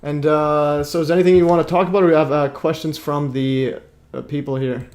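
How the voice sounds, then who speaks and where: A man's voice: on the high side, flat delivery, brisk, darkish tone. A tired man born in Iraq hosts a livestream, rambling with many fillers and restarts. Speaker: livestream host. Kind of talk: casual livestream chat.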